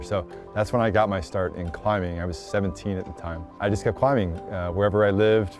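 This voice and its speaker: Casting: male climbing guide, lowish voice, casual and encouraging instruction, recorded outdoors over a music bed. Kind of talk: casual interview talk and on-location instruction. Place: outdoors on wooded trail and cliffs.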